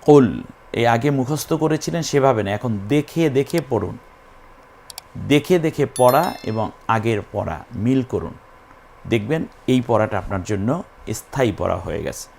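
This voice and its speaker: A man's voice: mid-range voice, expressive, a little slow, vocal fry, a little mellow, slight background noise. A man gives a recitation lesson in a patient, methodical way. He breaks each word into syllables and stretches the long vowels when he demonstrates them. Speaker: Quran recitation teacher.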